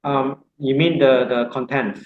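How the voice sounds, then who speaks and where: A man leading an online course orientation, talking haltingly with many ums and uhs. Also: mid-range voice, fairly even intonation, roomy sound, phone-quality sound. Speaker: course instructor.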